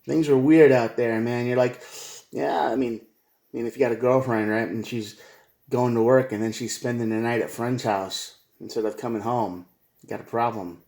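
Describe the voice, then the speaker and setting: A man's voice: mid-range voice, steady tone, moderate pace, creaky, darkish tone, reverberant. Rambling man giving a tarot reading. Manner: rambling, repetitive, slangy, says "man" and "bro". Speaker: tarot reader.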